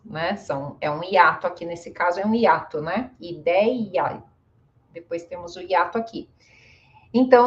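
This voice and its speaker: Woman, teacher, slow, patient, repeats examples, dull lo-fi sound. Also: medium pitch. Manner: patient, drawn-out examples, frequent "né?". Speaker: Portuguese teacher. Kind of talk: casual lesson to learners. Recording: dull lo-fi audio.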